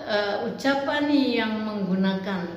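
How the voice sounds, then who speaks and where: A woman lecturer giving an online lesson, speaking slowly and deliberately with frequent fillers. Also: mid-range voice. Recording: echoey roomy sound with faint noise.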